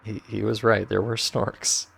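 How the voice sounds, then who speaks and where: A man's voice: on the low side, little pitch movement, a little slow, gravelly, a bit bright, husky. A man streaming a game, giving casual, joking commentary with wry asides and frequent laughter. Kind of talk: let's-play commentary.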